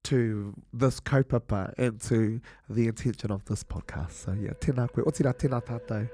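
A man from Northland with a New Zealand Māori accent, a podcast guest speaking earnestly and haltingly with many fillers. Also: medium pitch, warm tone. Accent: New Zealand Māori English. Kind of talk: reflective interview talk.

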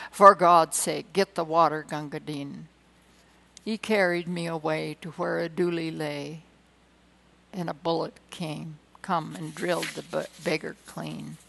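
Woman, poetry reading, lowish voice, dramatic reciting, swelling emphasis. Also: vocal fry, poor audio. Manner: dramatic reciting, slows and swells on key lines; hesitant fillers between poems. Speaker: poetry reader. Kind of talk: reading poems aloud with personal asides.

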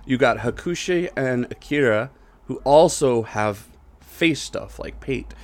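A man's voice: mid-range voice, expressive, measured pace. A man co-hosting a casual wrestling podcast, rambling and asking questions, with the hiccups. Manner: rambling, asks questions, trails off. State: has the hiccups. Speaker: podcast co-host.

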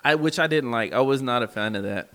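A man's voice: mid-range voice, fast talker, a bit bright. A man in casual group chat, joking and teasing his friends.

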